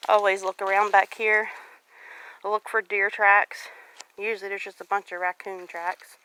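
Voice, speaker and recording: Strolling outdoors on her rural land, a homestead vlogger in her late forties offers viewers a relaxed, thoughtful walk-and-talk with a devout, uplifting tone. She speaks a little slowly at a medium pitch with little variation, and her tone is bright and forceful. The low-quality outdoor audio carries noticeable background noise.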